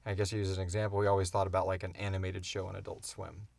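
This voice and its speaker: Rapid-fire and gravelly, this man's low, darkish voice stays level in tone as he co-hosts the fiction podcast he created. Recorded without echo in a small enclosed booth, he rambles along casually and eagerly while answering questions.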